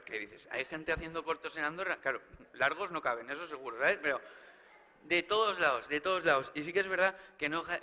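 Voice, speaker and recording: A man's voice: fairly high pitch, bright, forceful tone. A man in his thirties from Spain with a Spanish accent, hosting a live awards gala as a stand-up comic who jokes with and rallies the audience. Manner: chatty, joking, teasing the audience, rallying the crowd. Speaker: gala host. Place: large hall with a live audience. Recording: live hall recording with long reverb and faint noise.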